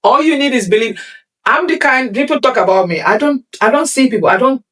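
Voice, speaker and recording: A middle-aged woman appears as a talk show guest, a community leader and counselor, speaking a little fast in a high-pitched, expressive voice with a fairly bright tone. She's emphatic and motivational, repeating her phrases for stress.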